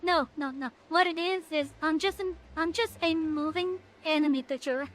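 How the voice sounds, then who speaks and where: High woman's voice from an AI voice changer. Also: moderate pace, a bit bright. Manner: stumbles over words, restarts sentences. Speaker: game streamer. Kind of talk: casual livestream chat while playing.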